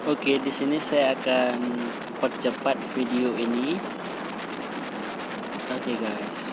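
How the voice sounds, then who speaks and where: A man's voice: medium pitch, steady tone, slow pace, very noisy. A man chats casually for a vlog from inside a full-face helmet as he rides a motorcycle. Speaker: motovlogger. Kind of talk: casual vlog chat while riding.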